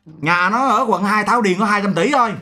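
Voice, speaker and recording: A man's voice: sits high, a little fast, bright, forceful tone, faint music behind. A man in his twenties from Vietnam, a streamer chatting casually and teasing with mock-serious storytelling. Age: 20s. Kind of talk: casual video-chat banter.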